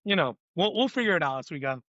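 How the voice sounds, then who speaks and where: A man's voice: fairly high pitch, expressive, fast talker, fairly bright tone, no echo, highs cut off. Laid-back man from Puerto Rico. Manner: laid-back, joking, says "man" and "baby". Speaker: band member guest. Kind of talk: casual podcast chat.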